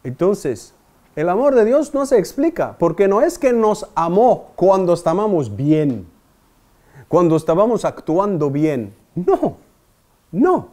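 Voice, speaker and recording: A man's voice: high voice, very animated, slow, dark tone. A man preaching a meditation talk, asking his audience questions and speaking emphatically.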